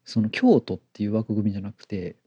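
A man's voice: fairly low pitch, expressive, fast, dark tone, slightly rough, no room sound, dull audio. A man with a Kansai accent that mixes Kyoto and Kobe speech, chatting casually as a co-host and often repeating short agreeing words. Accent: Kansai, mixing Kyoto and Kobe. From Kansai, Japan. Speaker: podcast co-host. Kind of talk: casual chat.

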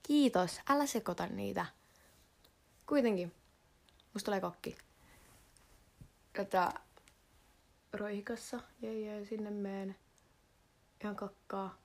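A teenage girl from Finland talking in a casual monologue, slangy and dramatic, swearing often and jumping between whispers and loud outbursts. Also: medium pitch, vocal fry, pauses often. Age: teens.

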